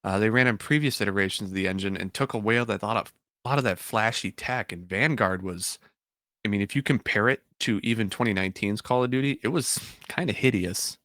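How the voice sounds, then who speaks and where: Bright-toned man in dry podcast chat. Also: lowish voice, brisk, dry recording. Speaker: podcast co-host. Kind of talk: casual chat.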